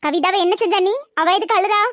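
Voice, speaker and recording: A stern cartoon schoolteacher, voiced by a woman, lecturing her noisy class in a Tirunelveli Tamil accent. The voice sits very high and sounds close and dry. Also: fairly quick, fairly bright tone, no echo. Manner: scolding, stern, questioning. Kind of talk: comic cartoon voice acting.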